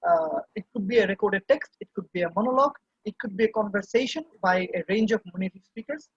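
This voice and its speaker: A man teaching an IELTS class, switching between Bengali and English and pausing often with fillers. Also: high-pitched, slightly rough, no room sound. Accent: Bangladeshi. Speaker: IELTS instructor. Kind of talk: online class lecture. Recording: dull, lo-fi class recording.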